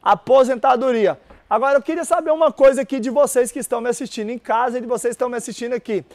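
A man's voice: very high voice, racing, a little mellow. A man teaching an exam-prep class live. He quizzes the audience and repeats key words with lots of energy. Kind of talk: live-streamed lecture with call-and-response.

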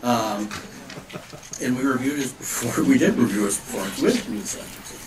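Board director at a table mic. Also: male voice, mid-range voice, normal speed. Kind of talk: meeting remarks. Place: public board meeting room. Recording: echoey room, far mic, steady noise.

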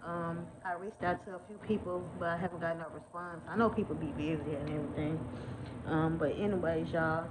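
A woman's voice: fairly low pitch, fairly even intonation, brisk. A woman in her thirties chatting casually to her viewers, with lots of ums and y'alls, recorded on a phone held at arm's length. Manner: chatty, many ums, says y'all often. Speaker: vlogger, mother of twins. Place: indoors at home, then outdoors walking. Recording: noisy phone recording with ambience.

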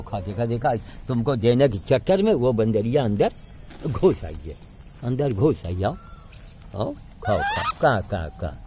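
Outdoors, a man chats casually for a vlog while feeding monkeys, coaxing them with repeated calls. His voice is mid-range, and the background is noisy.

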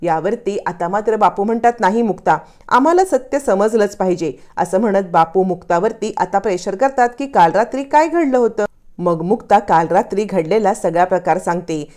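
A woman narrating a recap of a television serial in a steady storytelling manner. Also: medium pitch.

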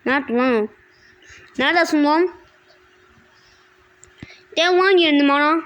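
Woman, gameplay commentary, high voice, slow unhurried delivery, yelps and shouts. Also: muffled recording. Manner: excitable, breaking into high yelps and repeated shouts. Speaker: gaming channel host.

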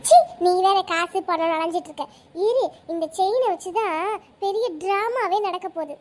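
A woman's voice: very high-pitched, moderate pace. A woman voicing a scheming young wife in a cartoon, sweet on the surface and sly underneath. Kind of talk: cartoon voice acting.

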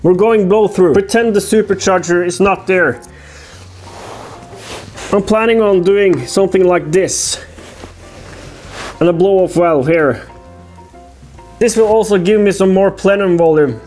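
A man hosting a workshop vlog, explaining things to camera in a measured, casual way. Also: high-pitched, a little mellow. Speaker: host of a workshop build vlog. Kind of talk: casual scripted narration to camera. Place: workshop room, indoors. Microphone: lapel mic. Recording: music behind the voice.

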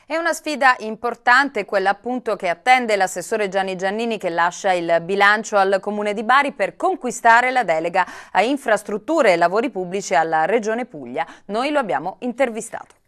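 Woman anchor opening a local news bulletin, clear and formal. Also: medium pitch, expressive, normal speed, hardly any pauses, fairly bright tone. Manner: clear, formal presenter delivery. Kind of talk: scripted news presenting.

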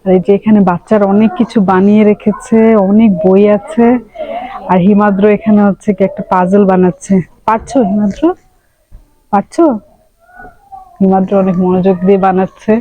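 In low-quality audio, a young Bangladeshi mother narrates her daily vlog, speaking at normal speed with frequent pauses in a mid-range, dark, level voice. She chats casually, sprinkling in English words as she films on her phone outside in winter and in a library.

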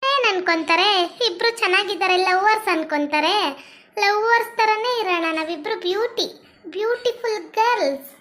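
A woman's voice: extremely high pitch, moderate pace, a bit bright. A woman voicing a pushy, leering female cellmate who taunts in a sing-song way. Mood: taunting.

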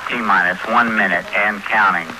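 A man giving a launch countdown in steady, clipped calls over a noisy, crackling radio feed. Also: on the low side, normal speed. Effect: noisy crackling space radio feed. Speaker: launch control commentator.

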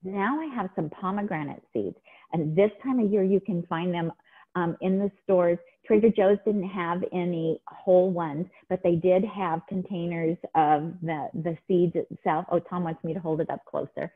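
A woman's voice: lowish voice, fairly even intonation, normal speed, slightly rough. A middle-aged woman chatting enthusiastically while demonstrating a salad in her home kitchen over a video call. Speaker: cooking demonstrator. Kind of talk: casual cooking demo. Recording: tinny phone-like video call audio.

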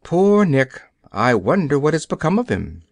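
A man voicing a cheerful male scarecrow in a storybook, self-assured and a little higher than his own voice. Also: very animated, moderate pace, gravelly, a little mellow, no room sound. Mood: sad.

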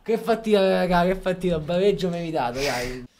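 A young man calls the action of a football video game as it happens. His fairly high voice leaps and dips with every chance, and he shouts through the big moments. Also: fairly quick, slight background noise. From Italy. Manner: excitable, shouts and groans with each play. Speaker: gaming YouTuber. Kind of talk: excited live commentary on a football video game.

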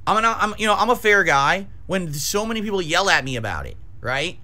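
A man in his forties rants at his livestream chat in a fairly high, bright and forceful voice. He is agitated and combative, swearing freely and repeating phrases to drive each point home. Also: very animated, fairly quick. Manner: profane, emphatic, repeats phrases for emphasis. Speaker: variety game streamer. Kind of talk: livestream rant to chat viewers. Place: small decorated home streaming room, indoors. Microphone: close desk microphone with pop filter.

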